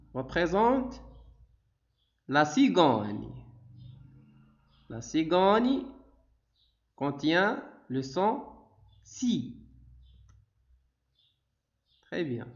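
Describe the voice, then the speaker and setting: A male teacher with a Moroccan accent speaks in a high, bouncing voice, stretching every word very slowly. He guides young children through a phonics lesson and keeps praising them. The sound is dull and lo-fi. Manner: drawn-out, sing-song delivery with frequent praise. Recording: dull, lo-fi recording.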